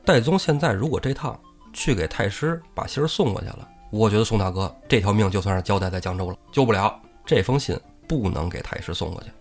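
A shrewd, composed strategist, put on by a male storyteller. He pitches his voice a bit lower and speaks in calm, measured phrases. He soothes others rather than rushing. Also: soft background music.

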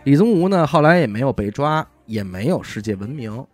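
A podcast host with a mid-range voice talks a little fast over soft background music. He retells a story in casual chat, lively and laughing, often slipping in little "ai" interjections.

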